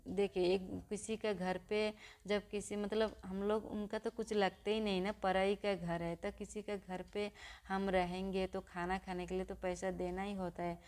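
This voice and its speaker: A young woman vlogger telling her own story to viewers in a halting, personal way, with frequent restarts. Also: medium pitch, little pitch movement, darkish tone.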